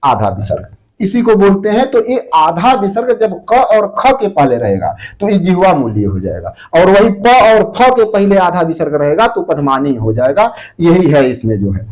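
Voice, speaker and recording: A man's voice: high-pitched, sing-song, moderate pace, darkish tone. A man teaching Sanskrit grammar for exam preparation, explaining patiently, repeating terms and sounding out syllables. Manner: frequent fillers. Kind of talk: exam-prep grammar lesson.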